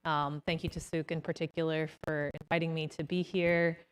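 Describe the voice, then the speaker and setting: Woman, low voice, smooth, reflective, halting, conference panel. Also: little pitch movement, rough recording. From California. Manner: reflective, halting, many fillers. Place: large conference hall stage.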